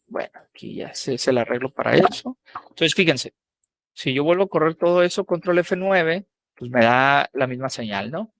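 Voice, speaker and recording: A man teaching a live online coding lesson, casual and checking in with students often. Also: fairly high pitch.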